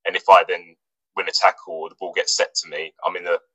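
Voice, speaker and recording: An English footballer, a man with a low, husky voice, talks fast in a casual interview, relaxed but hesitant, full of fillers and restarts. The recording is dry with no echo, and the audio quality is poor.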